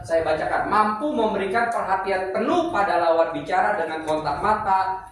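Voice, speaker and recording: A middle-aged man teaching at a church seminar, playful and joking with the congregation. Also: fairly high pitch. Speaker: preacher. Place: church hall. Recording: echoey hall, speaker far from mic, noisy.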